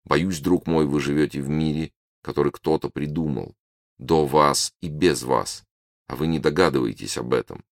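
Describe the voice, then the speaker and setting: A man playing a suave alien official, polite, condescending, lecturing, gravelly, dry close sound. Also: rumbling low, moderate pace, no room sound. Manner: smooth, polite, lecturing and patronizing.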